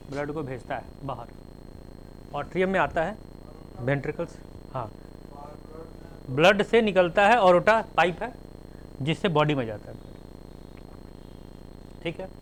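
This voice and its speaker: A man's voice: fairly high pitch, fairly bright tone, a little hiss or hum, poor audio. A male teacher giving a classroom lecture, spelling terms out letter by letter and explaining with everyday examples.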